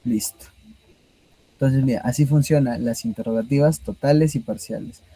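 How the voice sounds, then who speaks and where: Husky-voiced male teacher. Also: mid-range voice, moderate pace, dark tone, no echo, low-quality recording. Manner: explains patiently, checking in with rhetorical questions. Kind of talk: grammar lesson.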